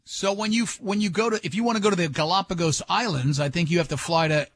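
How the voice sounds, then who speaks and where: A man's voice: sits high, fast talker, dry recording. A man hosting a morning radio show, joking brashly and talking over his guests.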